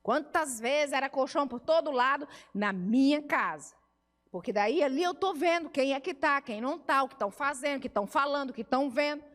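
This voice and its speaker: A middle-aged woman with a Brazilian Portuguese accent speaks as a family therapist at a church seminar. Her voice sits high, and it rings with the long reverb of a church hall. She teaches in a chatty way and slips into little scenes of home life. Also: animated, a little fast, fairly bright tone. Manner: conversational teaching, acts out family dialogues.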